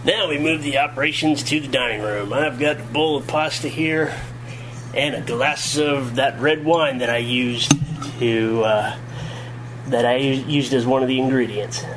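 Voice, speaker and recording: A man's voice: mid-range voice, fairly even intonation, a little slow. Folksy guy doing a home cooking show, kinda far from the mic, echoey room, noisy. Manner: folksy, chatty, talks through each step. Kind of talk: hammy cooking demo. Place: home kitchen and dining room. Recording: roomy, distant, noisy home recording.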